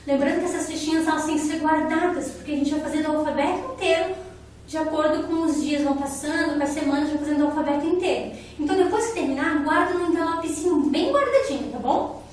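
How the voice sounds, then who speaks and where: A Brazilian woman teacher with a high, bright voice explains a class activity patiently and keeps asking her young pupils if they follow. The sound is heavily echoey, as if the microphone sat far across a bare room. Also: a little hiss or hum. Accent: Brazilian Portuguese. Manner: patient, explanatory, often checks in with "né?" and "tá bom?". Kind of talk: remote lesson for children and parents.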